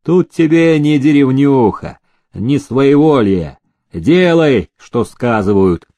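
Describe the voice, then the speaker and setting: A man's voice: mid-range voice, big pitch swings, slow pace, darkish tone, no echo. A man voicing a pompous, bossy male factory overseer who barks orders and turns sugary when mocking.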